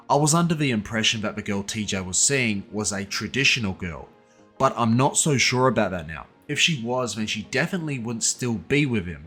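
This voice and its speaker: Narrating a scripted exposé in a lowish, fairly bright voice, a man keeps it casual, blunt and profane, speaking sardonically and aiming asides directly at the person he's exposing.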